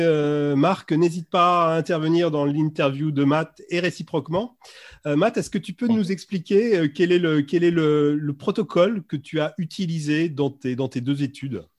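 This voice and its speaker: A male host leads a live interview in a slightly high voice. He introduces and questions guests informally, hesitating and repeating words as he builds each sentence. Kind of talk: semi-prepared live interview hosting.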